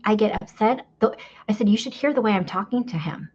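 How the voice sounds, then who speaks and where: A podcast guest, a woman with a mid-range, darkish voice, talks briskly through her faith testimony, rambling candidly and laughing often amid many fillers. The audio sounds dull.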